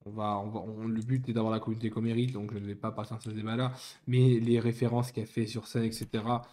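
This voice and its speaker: Casual young male YouTuber with a mellow voice, rambling as he builds. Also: fairly low pitch, little pitch movement, fast. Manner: rambling, self-correcting, chatty. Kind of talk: casual chat while building.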